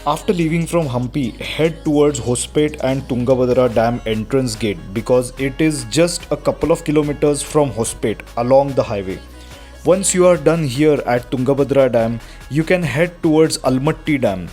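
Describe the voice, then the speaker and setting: A man's voice: mid-range voice, normal speed, darkish tone. A man with an Indian accent narrating a travel vlog from a script. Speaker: travel vlogger. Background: music.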